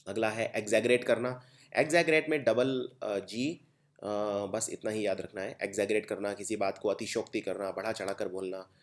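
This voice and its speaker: Casting: young Indian-accented male tutor, lowish voice, patient letter-by-letter spelling lesson. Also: steady tone, moderate pace. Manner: explains step by step, spells words out letter by letter. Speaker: teacher. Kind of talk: exam-prep vocabulary lesson.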